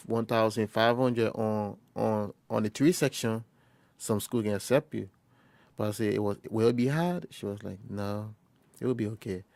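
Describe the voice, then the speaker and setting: A young man from Liberia, a first-year college student, telling his story in an interview in a halting way, often restarting and quoting conversations. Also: fairly low pitch, creaky, darkish tone, no room sound. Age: young adult. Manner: halting, with frequent restarts and quoted dialogue. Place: quiet recording booth.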